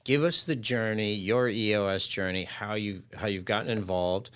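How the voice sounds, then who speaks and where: A man's voice: lowish voice, normal speed, a bit bright, smooth. A man hosting a podcast interview, asking eager, curious questions in a casual way. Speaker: podcast host.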